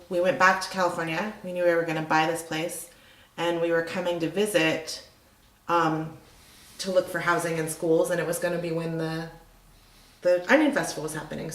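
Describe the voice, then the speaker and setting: A middle-aged woman with a slightly low voice chats casually about her restaurant, rambling along with plenty of ums and you knows. The room around her is echoey. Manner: chatty, rambling, lots of fillers. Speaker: restaurant owner. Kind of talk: casual interview conversation.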